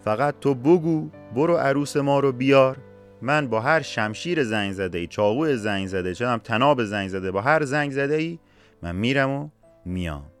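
A man's voice: mid-range voice, lively intonation, faint music behind, lightly acted. A man voicing an eager young male hero in a spoken folk tale. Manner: eager, hasty.

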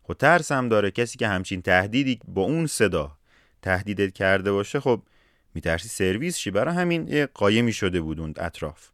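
Lively male folk-tale storyteller. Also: fairly low pitch, no room sound, studio quality. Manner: colloquial, lively, with asides to listeners. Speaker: storyteller and podcast host. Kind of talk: casual spoken folk-tale narration. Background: faint music.

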